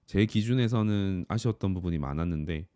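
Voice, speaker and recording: Deep-voiced man of thirty, calm reflection. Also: fairly quick, dry recording, clean studio sound. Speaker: office worker and YouTuber. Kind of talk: reflective personal monologue.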